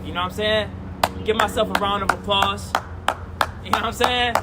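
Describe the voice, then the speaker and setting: A man's voice: high-pitched, steady tone, normal speed. A man in his twenties, a streamer, talking casually in a rambling vlog and repeating his phrases, recorded on a phone outdoors near traffic. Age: 20s. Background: cars and city noise.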